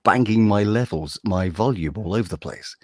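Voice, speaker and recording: A man's voice: fairly low pitch, normal speed, dry recording. A man, a voiceover artist, chatting on a video call while his microphone's automatic gain makes his volume jump up and down. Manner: chatty, fumbling with tech, self-mocking. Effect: uneven automatic gain, volume jumping up and down. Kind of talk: casual interview over video call.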